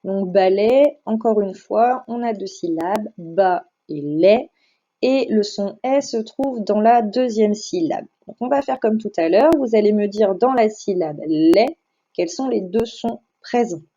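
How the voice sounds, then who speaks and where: A woman teaching phonics to young children in a recorded slideshow lesson. She speaks slowly and carefully, stretching each sound so the children can hear it. Her voice is mellow and soft, and the recording sounds a little dull and lo-fi. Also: mid-range voice. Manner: slow, careful, over-articulating sounds and syllables. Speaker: primary school teacher.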